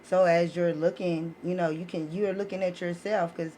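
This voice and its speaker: With a lowish, mellow voice and fairly even intonation, this American woman moves at a moderate pace as she talks about her educational book series. She's a podcast guest who explains casually and emphatically, frequently asking whether listeners follow. The live recording is clearly noisy.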